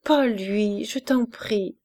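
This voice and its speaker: A woman reading an audiobook voices a feverish, frightened little girl who pleads breathlessly and sometimes cries, in a high, strained voice. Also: very slow, a little mellow. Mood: sulky murmur.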